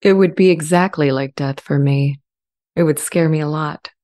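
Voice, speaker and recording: A woman with a deep, natural voice reads a scripted, dramatized transcript as a gentle, earnest female-voiced sentient AI. She speaks calmly, measured and deliberate, into a close large condenser mic with pop filter in a home studio.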